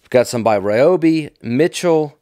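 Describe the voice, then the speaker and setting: A man's voice: fairly high pitch, expressive, measured pace, warm tone, no echo, studio quality. A middle-aged American man giving casual, off-the-cuff commentary in a folksy, enthusiastic, nostalgic manner. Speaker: fishing tackle vlogger.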